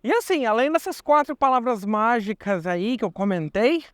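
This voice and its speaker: Smooth-voiced Brazilian man vlogging. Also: very high-pitched, animated, normal speed, fairly bright tone, no room sound, studio quality. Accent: Brazilian Portuguese. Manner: chatty, repeats words for emphasis. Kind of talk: casual explanatory vlog.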